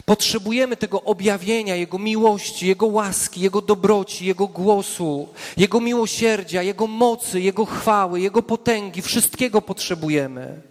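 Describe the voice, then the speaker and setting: Male preacher, high-pitched, earnest sermon delivery with slow emphatic pauses, long hall reverb. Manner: earnest, slows down and drops low for emphasis. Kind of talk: sermon with prayer.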